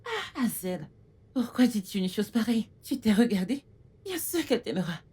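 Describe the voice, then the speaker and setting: A woman's voice: a little high, big pitch swings, moderate pace, warm tone, slightly rough, heavily acted. A woman dubbing a film role: a friendly, encouraging young woman chatting with her best friend. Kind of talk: dubbed film acting.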